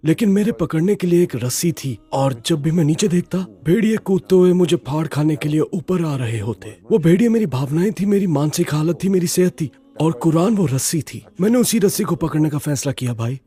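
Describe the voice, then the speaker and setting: A man's voice: on the high side, dark tone, slightly rough. A middle-aged man giving an earnest, heartfelt personal testimony as an interview guest, often checking in with the listener.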